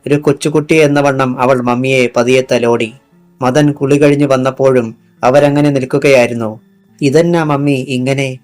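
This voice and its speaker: Guy narrating an audiobook, dramatic but flat voice, soft music in the back. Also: mid-range voice, normal speed. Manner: dramatic storytelling. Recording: faint background music.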